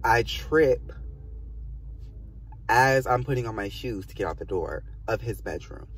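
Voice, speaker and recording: A man's voice: mid-range voice, expressive, unhurried, a bit bright, far from the mic, a little hiss or hum. A man telling a storytime to his viewers in a casual, rambling and profane way, full of fillers and asides. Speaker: vlogger.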